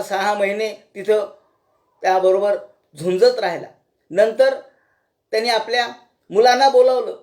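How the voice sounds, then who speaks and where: A man delivers a devotional discourse on scripture, telling the story in a homely, folksy way. He asks his listeners rhetorical questions and chants verses between his plain explanations. His voice sits high for a man. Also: a little mellow.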